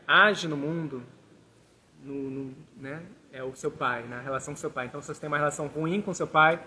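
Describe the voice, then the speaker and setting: Bright-voiced man teaching. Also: a little high, a little hiss or hum. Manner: talks through steps, tags lines with "né?". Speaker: tarot teacher. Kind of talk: explanatory class with a hands-on exercise.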